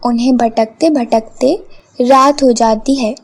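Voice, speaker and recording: A woman narrates a cartoon story in a high, clear voice. She reads slowly and steadily in a scripted storytelling style. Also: steady tone.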